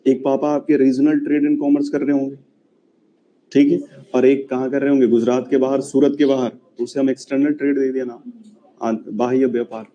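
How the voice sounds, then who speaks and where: A man's voice: mid-range voice, little pitch movement, fairly quick, warm tone, dull audio, a little hiss or hum. A man lecturing a classroom on history, chatty and often checking whether students follow. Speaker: history teacher.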